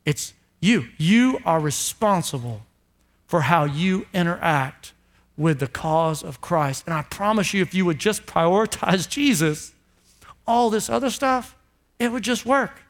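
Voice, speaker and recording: A man preaching a motivational sermon in a booming, emphatic way, repeating short phrases and putting rhetorical questions to listeners. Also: animated, measured pace.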